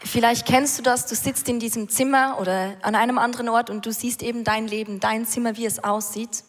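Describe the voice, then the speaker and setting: A woman's voice: on the high side, fairly even intonation, brisk. A woman preaching a sermon who speaks straight to the listener and builds up to passion. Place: large church hall. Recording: reverberant church hall.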